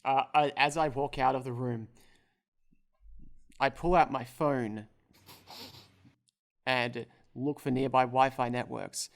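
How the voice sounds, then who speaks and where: Young man, player, casual tabletop role-play, rambling, joking, medium pitch. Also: fairly even intonation, slow pace, gravelly, pauses often. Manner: rambling, full of filler words and restarts, joking.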